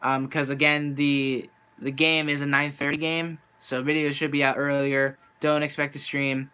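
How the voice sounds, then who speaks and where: A young man streams from home, his voice bright and clean but worn from an hour of talk. He vents in a frustrated, rambling way, restarting his sentences. He sits a touch high for a man. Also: level tone, moderate pace, clean tone. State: losing his voice. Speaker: sports fan streamer. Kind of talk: venting live-stream monologue. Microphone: handheld camera.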